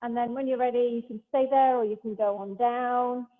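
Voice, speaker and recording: A woman's voice: on the high side, brisk. Woman cueing Pilates, echoey tinny line. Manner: calm step-by-step cues with chatty asides. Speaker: Pilates instructor. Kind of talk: guiding an exercise class. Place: large hall, class streamed over a video call. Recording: echoey hall over a thin phone-like line.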